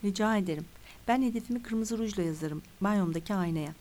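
A woman's voice: medium pitch, quick pace, a little mellow, a little hiss or hum, lightly acted. A woman reading the lines of a pushy, insistent female investigator in an audiobook. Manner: insistent, lecturing.

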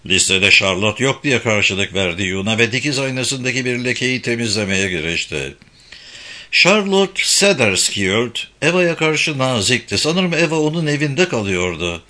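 A man narrating a novel as an audiobook with expressive, animated reading. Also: mid-range voice, normal speed. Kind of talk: scripted narration.

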